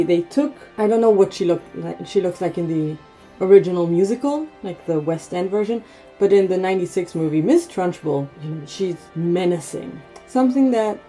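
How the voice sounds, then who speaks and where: A woman's voice: fairly low pitch, mellow. A woman with an Israeli accent giving a chatty, rambling casual film review, full of fillers and restarts.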